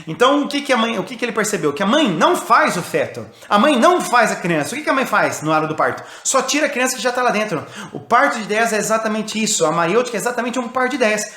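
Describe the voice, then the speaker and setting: Fast, bright-voiced Brazilian male teacher. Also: high voice, big pitch swings, roomy sound. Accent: Brazilian Portuguese. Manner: playful, fires rhetorical questions, mimics students. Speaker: philosophy teacher. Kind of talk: energetic video lecture.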